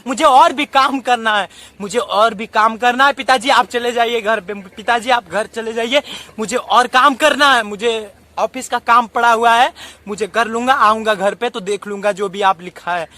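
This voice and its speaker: Man putting on a dismissive grown son, snappy and bright-toned. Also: very high voice, steady tone, measured pace, hardly any pauses. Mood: brushing off. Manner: curt, irritated, brushing off. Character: rude impatient grown son, dismissive of his father.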